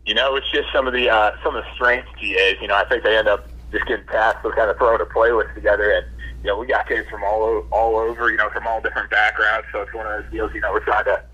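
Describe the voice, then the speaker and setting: A man's voice: on the low side, little pitch movement, quick pace, bright, forceful tone, breathy edge. A young man, a college football player, giving easygoing, casual interview answers over the phone and saying "you know" a lot. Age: young adult. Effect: heard over the phone. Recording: muffled phone line.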